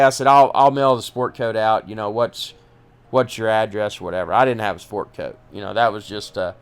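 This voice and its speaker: A man hosting a podcast, telling his own story in a casual, halting way with many restarts. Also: mid-range voice, smooth. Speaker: podcast host recounting personal story. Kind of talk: casual first-person storytelling.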